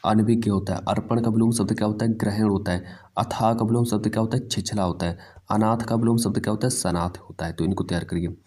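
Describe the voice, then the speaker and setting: A man's voice: fairly low pitch, fairly even intonation, fast talker, few pauses, warm tone. A man teaching an exam-prep language lesson, drilling each word over and over and calling his students "bhai".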